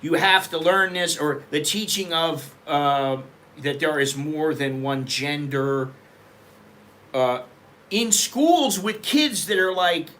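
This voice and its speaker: A middle-aged man from America talks in a loose, rambling vlog style, blunt and quick to swear. His voice sits a little high and rings bright and forward. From United States. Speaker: vlogger. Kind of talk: casual opinion vlog. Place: living in Bangkok.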